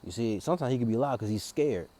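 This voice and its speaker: A man reading Bible verses slowly and then commenting on them in loose, drawling, repetitive street-preacher talk. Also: medium pitch, animated, dark tone. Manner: drawling, repeats words, slow solemn scripture reading.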